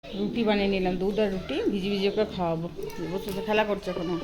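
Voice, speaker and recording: A young adult woman, a family vlogger and mother of a small child, narrates a home vlog in a casual, informal chat. Her mid-range voice is steady in tone and fast. The home recording is noisy, with background ambience.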